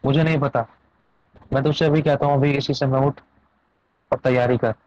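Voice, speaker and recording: A man's voice: medium pitch, steady tone, moderate pace, a little mellow, dry recording, natural voice. Preacher voicing the Lord: a commanding divine male voice with urgent, repeated orders, in a dull, dry recording. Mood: urging.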